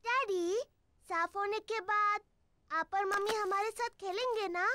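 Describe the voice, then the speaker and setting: A woman's voice: very high voice, fairly even intonation, unhurried, pushed and bright, exaggerated voice. A woman voicing an eager, slightly bossy little girl pig in a Hindi cartoon dub, with an emphatic childlike manner. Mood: playful.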